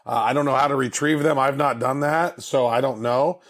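An easygoing man with a mid-pitched voice co-hosts a casual podcast. He rambles a little and fills pauses with hesitant ums and uhs. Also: steady tone, fairly bright tone. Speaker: podcast co-host.

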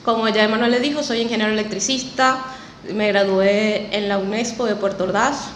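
A woman's voice: medium pitch, fairly even intonation, brisk. A woman from Venezuela, a podcast guest, telling her story in a chatty way with frequent laughs and a nervous edge. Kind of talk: casual interview. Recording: echoey room, faint noise.

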